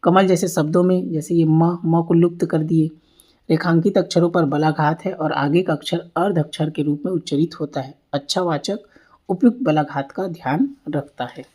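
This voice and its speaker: Lady teacher going over exam notes, low mellow voice, keeps asking then answering herself. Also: steady tone, moderate pace, slightly rough. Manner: asks and answers her own questions, repeats key points. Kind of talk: exam-prep lecture over slides.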